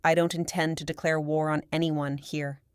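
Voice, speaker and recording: A composed American official speaks in a slow, unhurried drawl, his words measured and even, voiced by a woman narrator. The voice sits low and smooth, recorded close and dry for an audiobook. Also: no room sound, lightly acted. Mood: calm. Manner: calm, drawling. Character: calm drawling male government official. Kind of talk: audiobook character voice.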